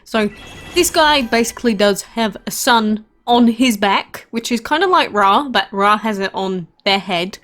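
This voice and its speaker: A woman's voice: a little high, lively intonation, a little slow, fairly bright tone. A woman hosting a casual gameplay commentary, chatting about her game with frequent asides and fillers. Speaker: game channel host.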